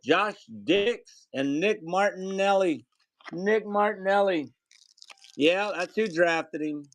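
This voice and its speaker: A man's voice: high-pitched, slow. A man hosting a live card break, reading off player names and calling out the hits to viewers.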